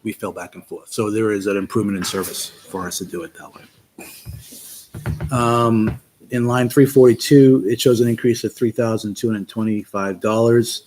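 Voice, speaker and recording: Low-voiced man explaining a budget. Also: steady tone, normal speed, darkish tone, slight background noise, rough recording. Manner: methodical, explains line items with filler ums. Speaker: town IT director presenting budget. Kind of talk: budget presentation at a meeting.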